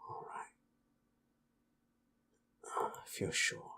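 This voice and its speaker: A man plays a gruff, cocky yet protective werewolf in an intimate audio roleplay, speaking in a gravelly, breathy, whispered murmur with a sharp tone. His speech is blunt, coarse and halting, and the mood is hushed and serious.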